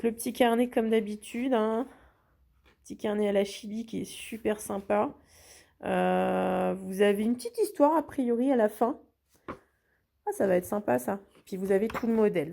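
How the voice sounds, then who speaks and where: A woman's voice: medium pitch, gravelly, mellow. A woman hosting a craft channel, chatting casually through an unboxing with lots of hesitations and restarts.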